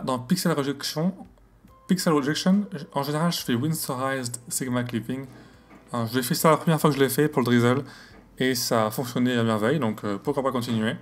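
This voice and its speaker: A man with an English accent hosting a screen-recorded astrophotography software tutorial, talking casually and hesitantly with many fillers and self-corrections. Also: mid-range voice.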